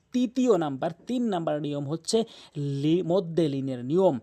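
A man teaching how to recite the Quran, slowly stretching out demonstration syllables between quick explanations. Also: a little high, gravelly, mellow. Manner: slow drawn-out syllables when demonstrating, then quick explaining.

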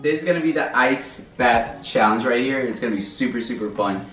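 A man's voice: medium pitch, brisk, a bit bright. A man in his twenties bantering casually as he hosts a challenge vlog. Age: 20s. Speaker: YouTube vlog host. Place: hotel bedroom and tiled bathroom. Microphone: camera mic a few meters away. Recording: roomy, distant camera mic, music.

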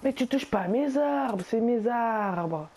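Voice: mid-range voice, animated, slow pace, darkish tone, slight background noise. Bossy young gamer talking French street slang. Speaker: video game player recording gameplay. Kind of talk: casual gaming banter.

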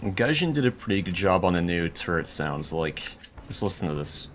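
Young male gaming host, lowish voice, dry and wry, faint hiss behind. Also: sing-song, normal speed. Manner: dry, wry, laughs often. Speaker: gaming YouTuber. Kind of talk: casual gameplay commentary.

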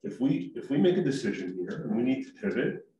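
A man, a council member, speaking in a relaxed, joking way during a meeting discussion. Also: mid-range voice, fairly quick, muffled recording, slight background noise. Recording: echoey room, distant mic.

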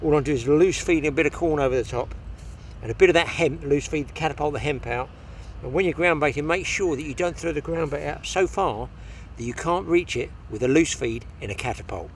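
Fairly high-pitched and quick-talking, a man gives relaxed fishing commentary outdoors by a lake, explaining things to his viewers as he goes. A slight hiss or hum runs under the audio.

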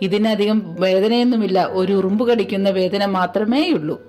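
A woman playing a hospital nurse in an amateur skit, gently reassuring a patient. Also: medium pitch, fairly even intonation, normal speed, soft background music, lightly acted.

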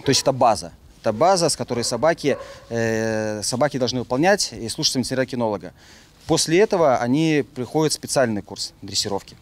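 A man's voice: mid-range voice, lively intonation, fast. A man, a dog handler, answering an interview, listing commands with some hesitation.

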